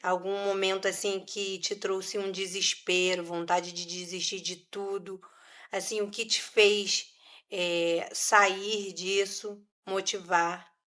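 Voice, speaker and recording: A woman hosting a podcast, asking her guest gentle, hesitant interview questions. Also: mid-range voice, level tone, slow pace. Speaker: podcast host.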